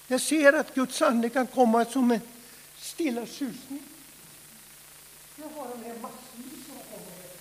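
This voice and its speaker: A man preaching a fervent Pentecostal sermon, swinging from hushed asides to loud shouts. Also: very high voice, breathy edge. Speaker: pastor. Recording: long hall reverb.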